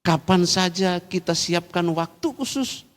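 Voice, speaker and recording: A man's voice: high voice, unhurried. A man preaching a sermon in a church, telling a story and acting out both voices in a quarrel. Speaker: pastor. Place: large church hall. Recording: long hall reverb.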